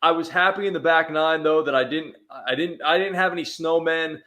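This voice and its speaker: A man's voice: fairly high pitch, brisk, bright, forceful tone. A man chatting as a guest on a sports talk show, telling easygoing stories with frequent restarts. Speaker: sports radio host, guest. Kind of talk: casual chat.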